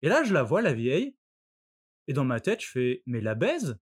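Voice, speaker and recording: A man from France telling a crude, animated anecdote in casual chat, acting out voices as he goes. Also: fairly high pitch, moderate pace, slightly rough. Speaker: storyteller in a podcast chat.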